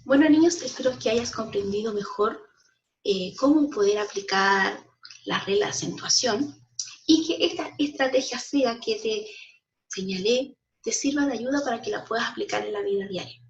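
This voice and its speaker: A woman teacher with a Chilean Spanish accent explaining a school lesson to children, slowly stressing syllables and often checking in with them. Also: on the high side, far from the mic. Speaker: primary school language teacher. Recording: muffled sound, voice a bit off-mic.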